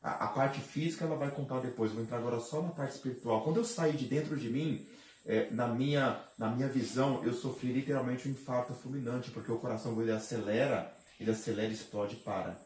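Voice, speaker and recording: A man's voice: medium pitch, fast, darkish tone. A man, a pastor, giving an emotional testimony of faith, dramatic and re-enacting his own cries and heartbeat. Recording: roomy sound from a distant mic.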